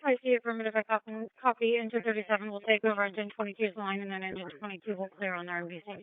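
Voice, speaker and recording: A woman's voice: mid-range voice, little pitch movement, clear, resonant tone, no echo. Woman dispatcher over tinny radio. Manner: brisk confirm-and-repeat radio talk. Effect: two-way radio transmission. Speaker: fire dispatcher. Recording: tinny narrow-band radio audio.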